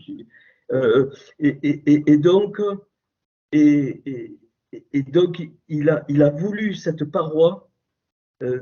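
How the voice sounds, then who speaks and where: Male Torah teacher, slightly raised pitch, emphatic, muffled call audio. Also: dark tone, husky. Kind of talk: spoken religious teaching over a call. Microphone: computer call microphone.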